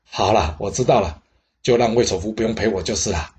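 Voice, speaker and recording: A man voicing an old, dying queen mother who speaks in an unhurried, dismissive way. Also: lowish voice, darkish tone, close to an everyday voice.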